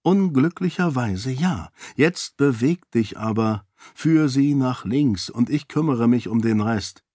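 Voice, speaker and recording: A quick-witted young nobleman, scheming and urgent, as a male audiobook reader puts him on. He speaks higher and louder than the narration, pushing and commanding. The sound is dry and close. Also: lively intonation, no room sound. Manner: commanding, pressing. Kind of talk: audiobook character voice.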